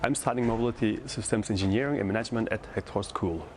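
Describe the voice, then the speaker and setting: A man's voice: on the low side, fast. A man in his forties from Kosovo, a master's student, speaking in a formal, careful way outdoors. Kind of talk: testimonial interview. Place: outdoor courtyard.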